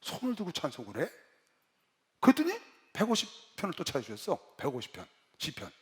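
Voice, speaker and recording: A middle-aged man preaching an animated sermon, telling stories dramatically and swinging from loud shouts to hushed asides. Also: on the high side, fairly quick. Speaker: pastor. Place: large convention hall. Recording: reverberant hall.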